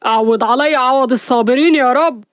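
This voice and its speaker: A woman's voice: high voice, rapid-fire, no room sound, clean studio sound, close to an everyday voice. A woman voicing a grumpy middle-aged uncle who grumbles curses and scolds his niece. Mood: exasperated.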